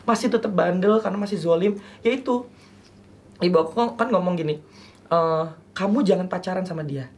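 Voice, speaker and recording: A young man, a talk show guest, telling a personal story in a halting, earnest way and acting out remembered dialogue. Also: high-pitched, darkish tone.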